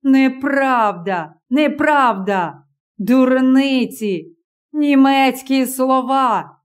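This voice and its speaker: A woman reading the part of a strange, moody young man in an audiobook, speaking slowly and drawn out. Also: on the high side, steady tone, darkish tone, lightly acted. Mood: angry.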